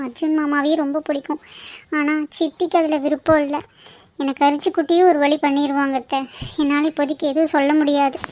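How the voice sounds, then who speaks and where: A woman voicing a gentle young woman in a cartoon who cries and apologizes softly. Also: high voice, natural voice. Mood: apologetic. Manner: soft, pleading, apologetic. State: crying. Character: gentle young woman, tearful and self-sacrificing. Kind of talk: cartoon voice acting.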